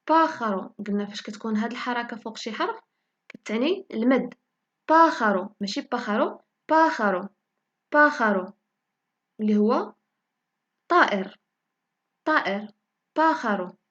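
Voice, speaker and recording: A woman with a Moroccan Arabic accent teaching a language lesson, saying each example word slowly and repeating it for learners. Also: fairly high pitch, dull audio. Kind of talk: spoken lesson in Moroccan Darija.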